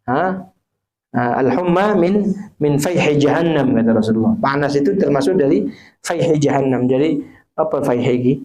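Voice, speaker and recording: A high-pitched man with an East Javanese accent delivers a sermon to a live audience. He recites Arabic verses, slips into Javanese, and keeps throwing questions at his listeners. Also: lively intonation, moderate pace, mellow, poor audio. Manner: mixes Javanese phrases and Arabic quotations, asks the audience rhetorical questions. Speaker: preacher.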